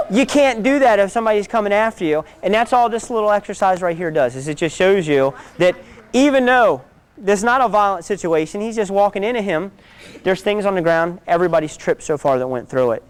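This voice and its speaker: Smooth-voiced man instructing a class. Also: sits high. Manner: instructive, direct, repeats "okay?". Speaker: self-defense instructor. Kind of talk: teaching a class.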